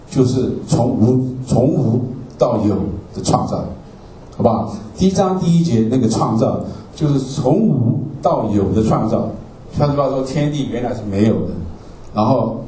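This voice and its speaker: A man with a mid-range, dark voice teaches a Bible class from slides, explaining word by word and repeating himself. He ends phrases with "ah" and keeps checking in with "okay?". A roomy, distant mic catches faint ambience and a little hiss or hum.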